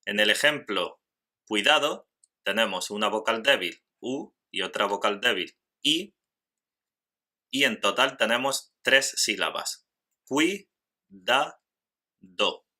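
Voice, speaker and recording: A man teaching a grammar lesson in scripted narration, slowly and carefully spelling out syllables. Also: lowish voice, lively intonation, sharp tone.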